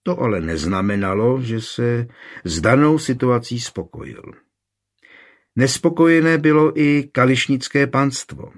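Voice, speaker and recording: A man narrating a historical audiobook in a measured, steady way. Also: medium pitch.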